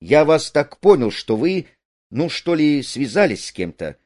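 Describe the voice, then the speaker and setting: A man reading a play aloud, voicing an earnest, jealous young man who talks haltingly. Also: on the high side, big pitch swings, a little mellow.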